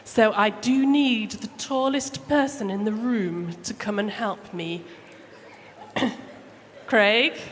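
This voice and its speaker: A woman with a mid-range voice tells a story to children in a church hall during a service, speaking slowly and leaving long pauses. She's chatty and interactive, putting questions to the kids in simple words. Background noise and echo mark the recording.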